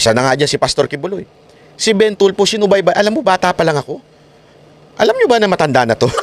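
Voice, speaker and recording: A man hosting a political vlog, talking in an animated, mocking way, often laughing and mimicking his critics. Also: on the high side. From Philippines. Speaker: political vlogger host.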